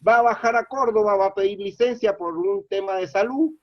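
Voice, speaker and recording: The lecturer is a middle-aged man from Mendoza whose voice sits high and whose pace is brisk. Earnest but rambling, he sprinkles his public talk with "eh" and "este" in an Argentine Spanish accent, captured in a dry, dull, lo-fi recording.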